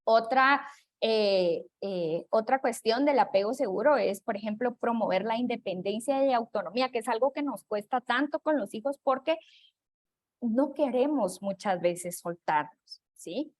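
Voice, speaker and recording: A woman's voice: fairly high pitch, animated, a little slow. A woman giving a talk on child attachment, acting out parents' voices and checking in with "¿sí?". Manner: acts out parents' voices, asks listeners "¿sí?". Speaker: parenting educator.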